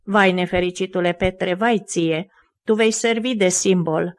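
A woman reading the slow, gentle, solemn lines of a mild male sage. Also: on the low side, lightly acted. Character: gentle calm male sage, speaking mildly.

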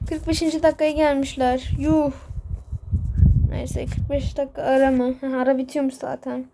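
A woman with a high voice narrates her game role-play, muttering to herself in frantic bursts. Clear background noise and clicking run under her voice. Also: flat delivery, moderate pace, warm tone. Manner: frantic, panicky self-talk.

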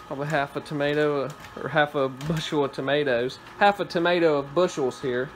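A man's voice: fairly high pitch, fairly even intonation, brisk, a little hiss or hum, low-quality recording. A man in his thirties, a homestead father, casually explaining a kitchen task while working with his kids at home. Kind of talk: casual demonstration.

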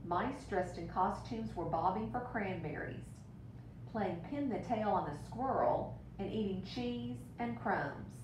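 Reading a picture book to a group of children, a female teacher delivers the story with deliberate, expressive pacing suited to young ears, pausing for short asides. It's captured by a far-off microphone in a roomy space, with rumbling noise.

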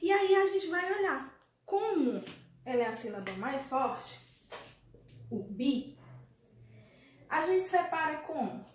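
A woman's voice: high voice, expressive, takes it slowly, pauses often. A Brazilian woman teaching a remote primary school class, speaking affectionately and asking the pupils questions. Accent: Brazilian Portuguese. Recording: echoey room, faint noise.

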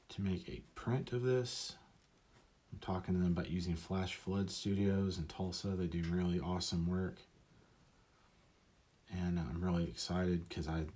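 A man's voice: deep voice, warm tone. A man talking casually and rambling as he inks a drawing, often mocking himself. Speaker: illustrator. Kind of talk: casual talk while drawing.

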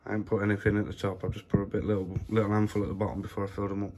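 Speaking very fast with a fairly low, flat voice, an allotment vlogger gives a chatty, plain-spoken tour on a handheld phone. He starts outdoors on his windy allotment, where wind noise is audible, then moves to his indoor plants in a room at home.

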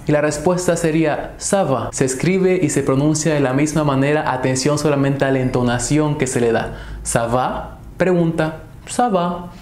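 A man giving an online French lesson, repeating each French word slowly and clearly so the listener can copy the pronunciation. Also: a little high, a little mellow, a little hiss or hum. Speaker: French teacher. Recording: echoey room.

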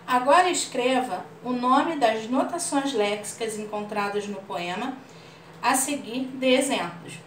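In an online class, a teacher with a Brazilian Portuguese accent patiently walks through a grammar point and frequently checks comprehension. She speaks at a measured pace in a slightly high voice, recorded from a far-off, roomy mic with faint background noise of the room.

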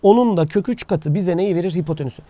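A man's voice: high-pitched, quick pace, dark tone, no echo. A man teaching a casual geometry lesson outdoors, asking questions and answering them himself. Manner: talks to himself, asks and answers his own questions. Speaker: math teacher. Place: outdoors, by the sea.

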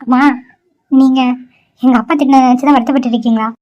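A sad, despairing young woman in a homemade cartoon, voiced by a woman. Her voice is high and she speaks sorrowfully. The recording sounds dull and lo-fi. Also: fairly even intonation, fast talker, a little mellow, close to an everyday voice. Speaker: cartoon character.

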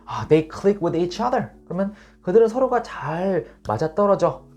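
A man teaching English online, his pitch rising and falling a great deal as he talks. He reads each English example slowly and then explains it patiently. Faint music plays behind him. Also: animated, a little mellow.

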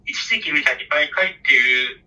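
A man's voice: mid-range voice, normal speed, sharp tone. A man speaking politely and a little hesitantly as a call-in caller, like on a radio show, heard over a telephone speaker. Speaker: fan taking a phone call. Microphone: phone on speaker held up to camera. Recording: phone call played over speaker, distant.

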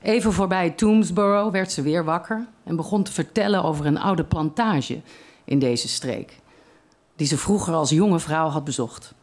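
Calm reader for a live short-story evening, measured delivery. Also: medium pitch. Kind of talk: reading a short story aloud at a literary evening.

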